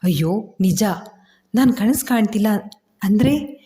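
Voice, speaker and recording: A woman's voice: medium pitch, lively intonation, a little slow, dark tone, voice pushed up, lightly acted. A woman voicing a frightened young wife. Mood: anxious. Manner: pleading, breathless worried questions.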